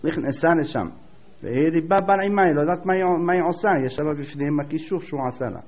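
Husky lo-fi male storyteller. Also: fairly high pitch. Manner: animated, voices the characters in quick asides, repeats words for rhythm. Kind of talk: oral folk tale telling. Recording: dull lo-fi recording.

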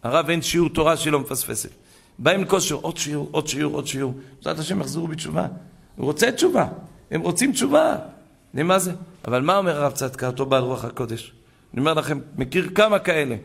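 Gravelly, fervent male rabbi preaching. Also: a little high, lively intonation. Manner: fervent preaching that builds to loud exclamations; retells conversations in a storytelling way. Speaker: rabbi giving a Torah talk. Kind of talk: sermon to a gathering.

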